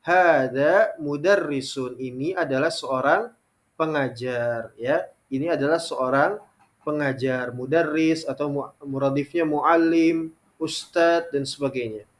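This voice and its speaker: A man teaching an online Arabic lesson, reading example sentences slowly and often adding "ya" between phrases. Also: medium pitch. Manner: frequent filler "ya" between phrases.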